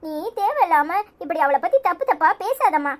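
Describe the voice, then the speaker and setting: A woman's voice: very high-pitched, big pitch swings, fairly quick. A woman voicing an earnest, pleading young married daughter in a cartoon, with a Tirunelveli Tamil accent.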